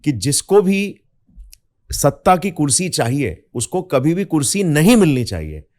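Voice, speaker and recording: Soft-spoken young podcast host. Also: male voice, on the high side, big pitch swings, measured pace. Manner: soft-spoken, attentive, frequent affirmations. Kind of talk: casual interview chat.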